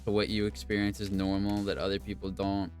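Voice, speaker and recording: A man's voice: on the low side, monotone, brisk, darkish tone, faint music behind. A man giving casual gameplay commentary, rambling and musing aloud in an offhand way. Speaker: gaming video creator.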